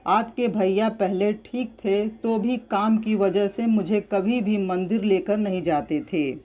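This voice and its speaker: Narrator voicing a young wife, emotional and demanding, slow and mellow, storybook read. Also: medium pitch, highs cut off, lightly acted. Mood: pleading.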